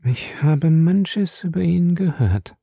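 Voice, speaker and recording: Man doing earnest young woman, measured, audiobook. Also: medium pitch, warm tone, husky, no room sound, studio quality, natural voice. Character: young lady, earnest and composed. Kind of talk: audiobook reading.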